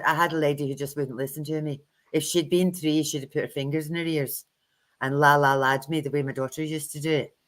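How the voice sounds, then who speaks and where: Blunt, chatty woman. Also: deep voice. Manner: chatty anecdotal storyteller, blunt. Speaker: tarot reader co-hosting a livestream. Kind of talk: casual livestream chat.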